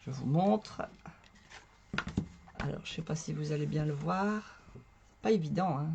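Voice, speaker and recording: Hoarse French woman chatting through a craft demo. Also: low voice, unhurried, noisy background. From northern France. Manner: chatty, talks to viewers while working, self-mocking. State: hoarse from a sore throat. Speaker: craft tutorial host. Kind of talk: casual crafting tutorial.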